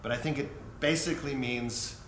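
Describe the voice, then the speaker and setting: A man's voice: medium pitch, fairly even intonation, normal speed, fairly bright tone. A man, a conductor, casually retelling an opera plot and briefly acting out the characters' lines. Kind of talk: casual spoken introduction. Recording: echoey room with faint noise.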